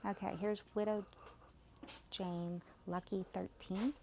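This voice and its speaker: A woman's voice: medium pitch, little pitch movement, takes it slowly, gravelly, mellow, slight background noise. Chatty teasing woman bourbon hunting. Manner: chatty, teasing, upbeat about good prices. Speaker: bourbon reviewer and channel co-host. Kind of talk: casual walk-through vlog. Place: liquor store aisle.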